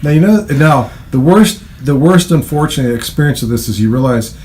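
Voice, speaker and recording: A man's voice: fairly high pitch, animated, a little fast, a little mellow, a little hiss or hum. A middle-aged man coaching a student through exercises in an indoor jiu-jitsu gym, encouraging and commanding, counting reps aloud.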